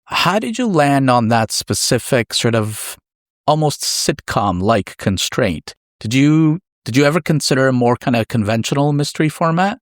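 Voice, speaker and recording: A man hosting a podcast interview, asking measured and friendly questions. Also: medium pitch, sing-song, no room sound, clean studio sound. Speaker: podcast host.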